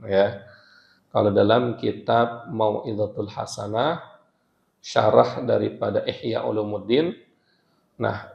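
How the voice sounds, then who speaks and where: Gravelly man giving a religious talk. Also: mid-range voice, reverberant, dull audio. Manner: explains with repeated "ya" and rhetorical questions. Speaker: religious teacher. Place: mosque during a retreat.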